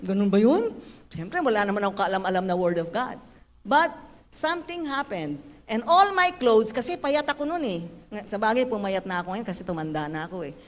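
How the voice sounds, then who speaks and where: A woman, giving a lively, playful church testimony. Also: mid-range voice, fairly quick, big-room sound. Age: 70s. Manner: animated, playful storytelling with acted dialogue. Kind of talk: sermon testimony.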